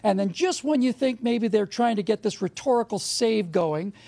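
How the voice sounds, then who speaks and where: Gravelly-voiced male talk show host. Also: high voice, lively intonation, moderate pace, warm tone. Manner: emphatic, admiring, builds points in long runs. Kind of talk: conversational interview.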